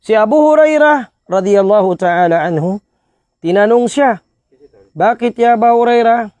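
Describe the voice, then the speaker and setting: A man's voice: high-pitched, lively intonation, normal speed, darkish tone, no echo. A male preacher giving an Islamic lecture who mixes in Bisaya and Arabic phrases and teases audience members by name.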